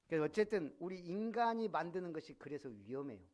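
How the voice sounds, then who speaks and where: A man's voice: a little high, fast talker. A male pastor preaching a sermon, often putting questions to the congregation. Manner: animated, asks the congregation questions. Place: church sanctuary.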